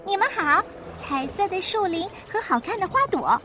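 A woman voicing Keke, a curious and eager little turtle child, in a storybook, with high, lively questions. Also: moderate pace, slight background noise, exaggerated voice.

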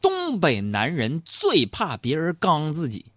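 A man from Northeast China with a Northeastern accent, hosting a comic radio monologue in a studio and telling stories in an animated way. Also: fairly high pitch, unhurried, no room sound. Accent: Northeastern Mandarin. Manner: animated, storytelling, acts out loud quoted exchanges. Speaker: radio host.

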